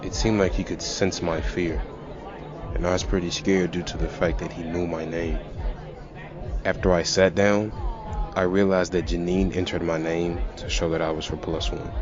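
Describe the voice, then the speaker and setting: A low-voiced man narrates a first-person horror story with tense, dramatic delivery. The sound is dull and lo-fi, with loud music and a cheering crowd underneath. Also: level tone, moderate pace.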